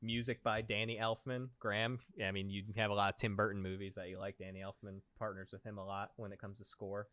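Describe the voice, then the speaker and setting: A man hosting a casual movie podcast, rambling and laughing often, trailing off quietly. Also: lowish voice, flat delivery, fast, hardly any pauses, dry recording. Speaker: podcast host. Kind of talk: casual chat.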